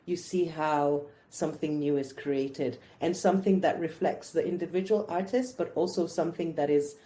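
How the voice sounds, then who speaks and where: A woman, a writer and director, reflecting calmly in an interview on an arts program she co-directed. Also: sits low, moderate pace. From Gambia and Spain. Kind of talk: interview testimony.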